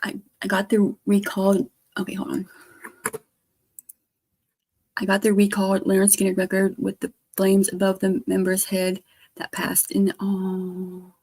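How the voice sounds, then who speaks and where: Woman, gravelly vocal fry, mid pitch, slightly slurred from missing front teeth, halting, casual rambling livestream chat. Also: monotone, darkish tone, low-quality recording. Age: adult, grown past teens. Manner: halting, trailing off with repeated stammered starts. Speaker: livestreamer chatting with viewers.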